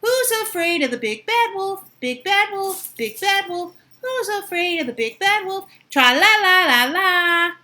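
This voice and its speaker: A woman's voice: very high voice, animated, moderate pace, bright, forceful tone, pitched above the performer's own voice, exaggerated voice. A woman voicing carefree, boastful young male little pigs in a storybook, with a singsong, squealing manner. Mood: gleeful, mocking. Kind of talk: storybook character voices.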